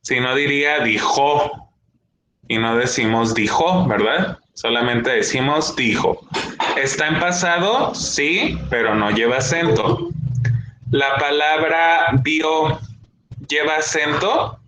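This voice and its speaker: A young man teaches a class in a slow, patient way and keeps checking that his students follow. His voice is bright and clear. The room echoes, with faint ambient noise behind him. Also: a little high. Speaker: schoolteacher. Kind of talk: classroom lesson.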